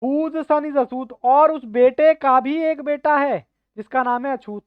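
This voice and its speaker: A man's voice: very high-pitched, slow, no echo. A male teacher giving an online reasoning class, explaining step by step and keeping at his students to answer. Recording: tinny phone-like dry sound.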